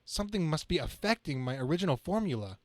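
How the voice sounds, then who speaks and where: A man's voice: on the high side, sing-song, fast talker, no echo. A man voicing a wisecracking young superhero and student, narrating his own action dramatically in a comic book reading. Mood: musing. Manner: quippy, dramatic self-narration.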